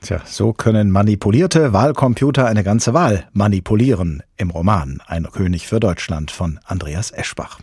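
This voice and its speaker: A man presenting a radio culture program in a measured way. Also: on the low side, darkish tone, husky, dry recording, clean studio sound. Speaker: radio host.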